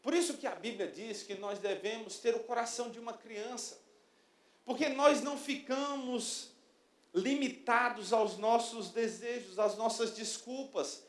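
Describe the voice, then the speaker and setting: A man in his thirties preaching a sermon as pastor, lively and storytelling, acting out little quotes. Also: very high voice, measured pace. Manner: animated preaching with acted-out quotes. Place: church sanctuary. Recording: echoey church hall.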